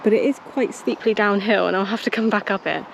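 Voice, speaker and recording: A British woman vlogs casually as she jogs along outdoor paths. Her voice sits at a middle pitch and she chats informally as a runner talking to camera. Clear outdoor noise runs behind her. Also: a little fast. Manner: talking while out jogging. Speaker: running vlogger. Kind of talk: casual vlog chat to camera. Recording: noisy outdoor ambience.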